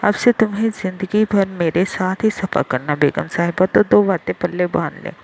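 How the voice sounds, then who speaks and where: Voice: mid-range voice, moderate pace, gravelly, slight background noise, lightly acted, low-quality recording. A reader voicing a brash, possessive young man who teases and turns to threats. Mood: teasing. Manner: playful, possessive, flares into threats. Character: brash, teasing young male hero.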